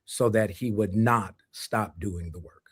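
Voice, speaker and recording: A man telling a slow, reflective story in a radio conversation. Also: fairly low pitch, slightly rough.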